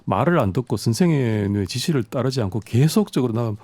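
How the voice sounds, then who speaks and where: A man's voice: medium pitch, lively intonation, fairly quick, a little mellow. A man hosting a radio panel debate in a studio, putting questions to guests and keeping them talking with short nods. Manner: inquisitive, draws guests out with short acknowledgements. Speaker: radio debate show host.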